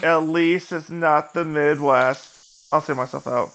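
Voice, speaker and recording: Bright-voiced joking man, lo-fi mic. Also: fairly high pitch, fairly even intonation, slow. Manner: joking, hesitant with fillers. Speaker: player. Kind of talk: casual tabletop banter.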